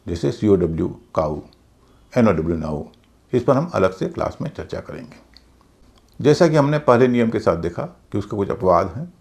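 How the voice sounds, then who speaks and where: Gravelly male pronunciation teacher. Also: on the low side, a little mellow. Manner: patient, methodical, spells out words letter by letter. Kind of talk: explanatory lesson.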